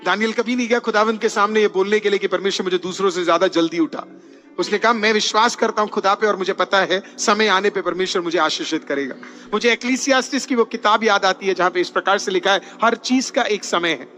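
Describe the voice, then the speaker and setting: High, bright-voiced male pastor preaching. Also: quick pace, soft background music. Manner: preaching with frequent hallelujahs, mixing in English words. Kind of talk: sermon. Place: church.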